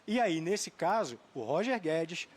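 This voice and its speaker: A man giving studio football analysis in a thoughtful, measured way, sometimes searching for a name. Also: on the high side, sing-song. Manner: thoughtful, hesitant, searching for names. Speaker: football pundit.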